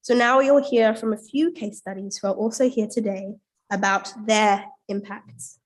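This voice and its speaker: A woman's voice: mid-range voice, steady tone, normal speed, rough recording. Nasal woman with a cold presenting. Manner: friendly, with filler ums. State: has a cold. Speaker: presenter of research findings. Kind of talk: presentation talk.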